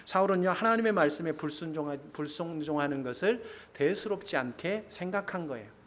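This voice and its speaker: A man's voice: fairly high pitch, lively intonation, a little fast. A male pastor preaching to his congregation in church, often asking them questions. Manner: addresses congregation with questions, laughs. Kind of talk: sermon.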